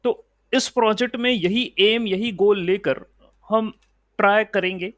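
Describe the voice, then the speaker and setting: A man's voice: high voice, unhurried, fairly bright tone, no echo. A man teaching a recorded coding tutorial, explaining step by step and checking in often with a short "okay" or "right". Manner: explains step by step, mixing Hindi and English. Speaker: instructor.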